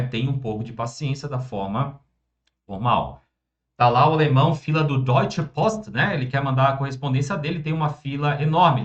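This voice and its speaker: Man, German teacher, online lesson, mid-pitched voice, chatty, slows down for examples. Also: dull audio.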